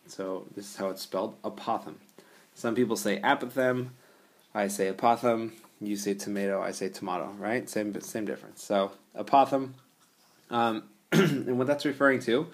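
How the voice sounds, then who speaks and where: A man's voice: lowish voice, a little mellow. A man teaching a geometry lesson over a screencast, explaining patiently in a casual way and often checking in with the listener. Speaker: math teacher.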